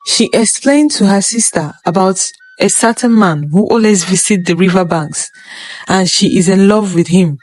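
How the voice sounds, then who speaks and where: A woman narrating a folktale in an unhurried, plain storytelling manner. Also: mid-range voice, a little mellow, soft background music, low-quality recording.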